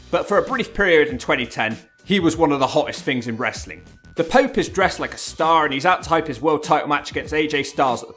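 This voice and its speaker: A man narrates a countdown video with a bright, fairly high voice and very lively intonation. He is wry and informal, with music playing underneath. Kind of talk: scripted video narration commentary. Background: background music.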